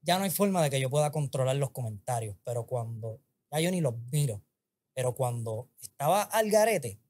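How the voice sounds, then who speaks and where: A man's voice: medium pitch, lively intonation, normal speed, darkish tone, a little hiss or hum. A man, a podcast guest, telling an emotional story and acting out his own inner voice.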